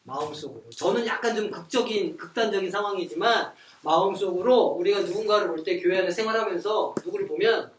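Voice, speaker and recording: A man's voice: high-pitched, fast, few pauses, distant mic. Man teaching a Bible class in an echoey room. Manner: animated storytelling, acting out quoted speech. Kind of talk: church Bible study lecture. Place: church study room. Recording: echoey room, voice from afar, faint noise.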